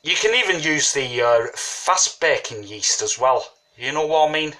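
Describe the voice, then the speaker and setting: Recorded in low quality, a man with a high-leaning, pushed and bright voice explains a home brewing recipe at his kitchen table at normal speed. He's animated, chatty and rambling, sniffling slightly from a cold, and peppers this casual tutorial with "you know what I mean."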